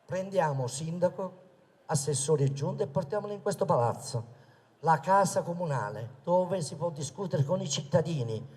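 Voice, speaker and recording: A man's voice: on the high side, expressive, normal speed, darkish tone. A man giving an emphatic, indignant political rally speech in a public square. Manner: emphatic, indignant, rhetorical questions and repetitions. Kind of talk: impassioned political stump speech. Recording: long reverb of public-address sound in square.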